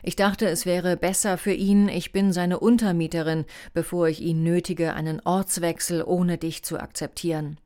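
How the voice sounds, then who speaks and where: A woman voicing a firm young woman, soothing, low, storybook reading. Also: flat delivery, moderate pace, hardly any pauses, dark tone, close to an everyday voice. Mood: earnest. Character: blunt, caring young woman friend.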